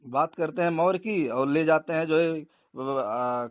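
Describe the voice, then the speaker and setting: This man's voice is on the high side and a little slow, and the recording is dry. He leads an organisation and is locked in a heated phone debate with a caller, pressing his argument and saying the same things again. The call sounds tinny and narrowband.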